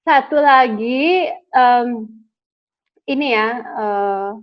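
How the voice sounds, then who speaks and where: Woman guest, slightly high voice, chatty and hesitant, laughs often; dull lo-fi video call audio. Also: expressive, drawn-out words. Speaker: interview guest, actress. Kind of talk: casual video call interview. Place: home during lockdown.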